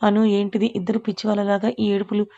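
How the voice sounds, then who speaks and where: A woman's voice: medium pitch, flat delivery, fast, warm tone, lo-fi sound, close to an everyday voice. A woman voicing a stern, protective young husband who scolds firmly. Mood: scolding.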